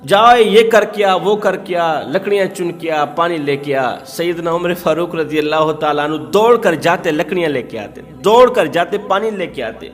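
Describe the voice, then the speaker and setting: A male preacher delivers an emotional story sermon in a high, ringing voice. He repeats phrases for emphasis with mounting passion. Faint music plays underneath. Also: hardly any pauses.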